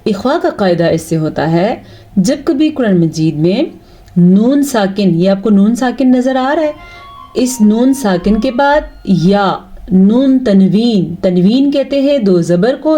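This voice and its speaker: A woman teaching Quran recitation rules, explaining patiently step by step and chanting the examples slowly and drawn out. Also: mid-range voice, lively intonation, dark tone. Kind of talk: tajweed lesson with slow recited examples.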